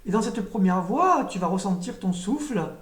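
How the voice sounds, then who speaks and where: A woman giving a spiritual teaching in a calm, measured, meditative way, with occasional hesitations. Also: medium pitch. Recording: roomy echo, voice from a distance.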